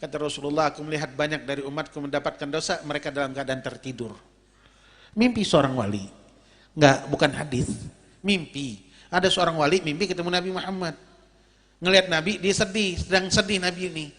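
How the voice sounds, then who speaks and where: A man preaching a lively, jokey sermon at a large gathering, swinging between loud calls and low storytelling. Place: large outdoor or hall gathering. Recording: reverberant PA in a big space.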